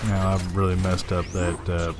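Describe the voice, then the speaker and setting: Deep-voiced Southern US man commentating gameplay. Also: completely flat delivery. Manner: easygoing, with frequent filler pauses. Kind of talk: post-recorded game commentary. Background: game music and gunfire.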